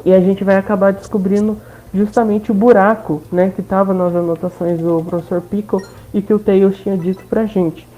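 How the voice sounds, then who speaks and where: This gaming host, a woman with a Brazilian accent, talks through a let's play recap casually, regularly checking in with listeners. Her mid-range voice holds a steady tone at normal speed with hardly any pauses, in a dull lo-fi voice-over.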